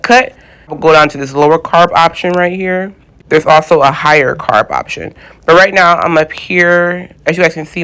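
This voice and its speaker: A woman's voice: low voice, fairly bright tone. A woman vlogging in a loose, informal way, talking straight to her viewers from her home kitchen. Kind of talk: casual how-to vlog chat.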